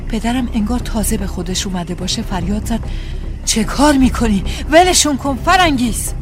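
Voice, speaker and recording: A woman reading a first-person story aloud in a dramatic, tense storytelling manner. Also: medium pitch. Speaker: audiobook narrator.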